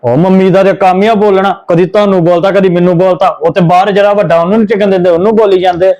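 A cheeky young brother-in-law from a family drama, played by a man. He talks fast and high and argues back hard. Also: steady tone, a little mellow, muffled recording, natural voice. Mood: defiant. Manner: defiant, argumentative.

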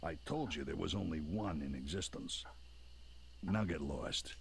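An actor playing a gruff, dismissive townsman in a video game, curt and grumpy. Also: extremely low pitch, unhurried, heavily acted. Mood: irritated.

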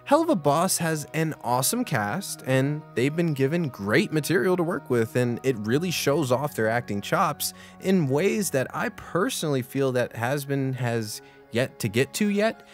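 A young man hosting a casual video review, excitable and swearing freely as he gives his opinions. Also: medium pitch, normal speed, soft background music. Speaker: YouTube reviewer.

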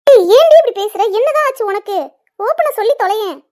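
A loyal, exasperated young woman in a cartoon serial. Her voice is very high, and she scolds and insists. She pushes her friends to talk plainly. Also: expressive, brisk. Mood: scolding.

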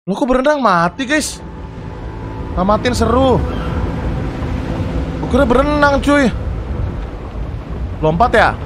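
A young man, chatting excitedly as he streams a game and talks to his viewers. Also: extremely high pitch, slow, long pauses, background noise. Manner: excitable, chatty, addresses chat as guys. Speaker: gaming streamer. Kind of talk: live game commentary.

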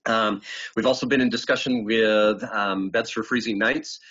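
Low husky man on a video call. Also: steady tone, a bit bright. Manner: halting, many ums and restarts. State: getting over an illness. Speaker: city manager. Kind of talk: giving a report at a council meeting. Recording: muffled video call audio.

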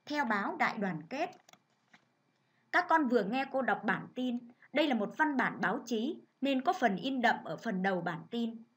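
A woman teacher leads a reading lesson for children. She reads in a clear, measured, instructive way. Her voice sits a little high. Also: expressive, a bit bright. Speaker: primary school teacher.

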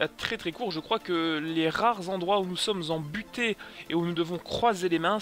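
Chatty hesitant French-speaking man, bright voice. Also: high-pitched. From France. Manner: hesitant, many fillers, chatty. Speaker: sim racing YouTuber. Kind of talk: casual tutorial voice-over.

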